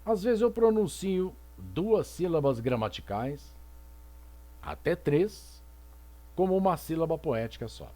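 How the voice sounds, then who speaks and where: Slow, lively-voiced male teacher. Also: on the high side. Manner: didactic, asks rhetorical questions and answers them; reads poetry aloud slowly. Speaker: literature teacher. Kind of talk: recorded lecture.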